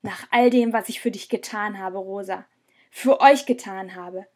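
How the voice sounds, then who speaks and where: A woman's voice: mid-range voice, a little slow, a little mellow, close to an everyday voice. A woman reading an audiobook, voicing a hurt young man who speaks with resentful reproach. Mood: bitter. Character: hurt, bitter young man leaving his friends. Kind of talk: audiobook character voice.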